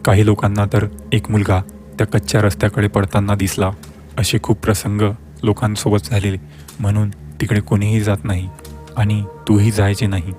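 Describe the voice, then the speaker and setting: Guy reading a spooky story, low monotone voice, soft music behind. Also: normal speed. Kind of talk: scripted horror narration.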